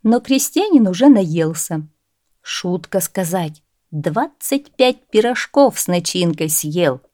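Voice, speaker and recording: A woman narrating a folk tale in a measured, expressive storybook reading. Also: on the low side, dry recording, studio quality.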